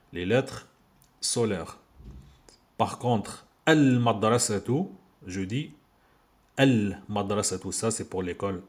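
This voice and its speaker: A man giving an informal video lesson on Arabic letters, patiently repeating words for learners, recorded on a handheld phone. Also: on the low side. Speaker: Arabic teacher.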